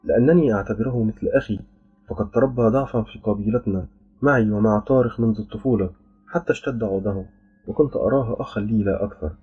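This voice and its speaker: A man with a fairly low, slightly rough voice speaks quickly, playing a beautiful, playful and proud young female jinn. His delivery is teasing and smiling. The recording is dull and lo-fi, with faint music.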